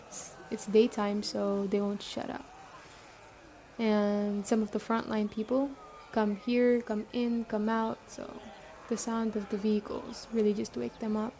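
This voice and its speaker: In a roleplay audio drama, a woman plays the young chief of a zombie-apocalypse camp, explaining things to the listener conversationally with hesitant pauses. Her voice is fairly high and warm, her mood matter-of-fact, with slight background noise.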